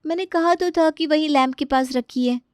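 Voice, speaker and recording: A woman's voice: high-pitched, moderate pace, a little mellow, no room sound, studio quality, pitched above the performer's own voice, natural voice. A woman voicing a meek, anxious young bride in a cartoon story, apologetic and pleading.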